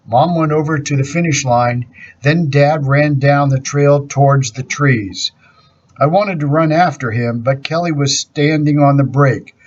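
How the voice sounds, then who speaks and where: A man reading a children's story aloud in a steady, plain manner, narrating in the first person. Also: medium pitch, slightly rough. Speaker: storybook reader. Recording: dull lo-fi recording.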